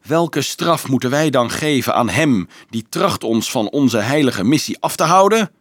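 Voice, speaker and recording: A man voicing a scornful older monk who accuses in a sneering, drawn-out tone, as read from a storybook. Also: medium pitch, animated, dry recording, studio quality.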